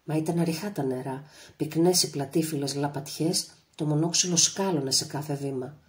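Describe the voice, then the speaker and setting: A woman reads a novel aloud in a measured, dramatic audiobook voice. Her voice sits very low for a woman, steady and deliberate. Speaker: audiobook narrator. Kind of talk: literary audiobook narration.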